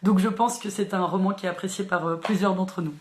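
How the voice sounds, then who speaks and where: A woman's voice: medium pitch, steady tone, brisk. Chatty woman in an echoey room. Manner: chatty, frequent fillers and restarts, laughs easily. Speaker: librarian hosting a live book chat. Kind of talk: casual live-stream book talk. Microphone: phone or laptop live stream.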